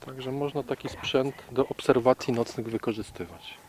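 A man guiding a night walk in the forest, calmly explaining owl behavior to a group with fillers and repeats. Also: medium pitch, normal speed, slight background noise. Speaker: naturalist guide on a night walk.

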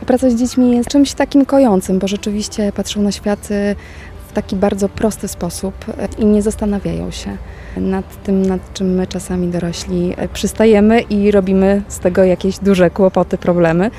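A woman teacher answering interview questions in a reflective way, pausing often with small fillers. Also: mid-range voice, steady tone, warm tone, slight background noise. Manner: reflective, speaks thoughtfully with pauses and "e" fillers.

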